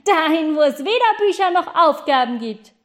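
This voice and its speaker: A woman voicing a cheeky young boy who shouts his answers down from a flying goose in a storybook reading. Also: extremely high pitch, expressive, normal speed, pitched above the performer's own voice. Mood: shouting. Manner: shouting loudly.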